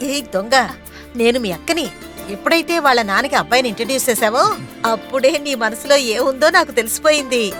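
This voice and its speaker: A woman's voice: high-pitched, fast, natural voice. A woman playing a fond teasing elder sister. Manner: affectionate, teasing. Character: warm-hearted elder sister. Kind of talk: film drama acting. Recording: film scene with music score.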